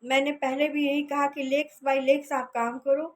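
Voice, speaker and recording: A woman's voice: high-pitched, flat delivery, normal speed. A woman giving an earnest, persuasive motivational talk about network marketing, telling a short fable along the way.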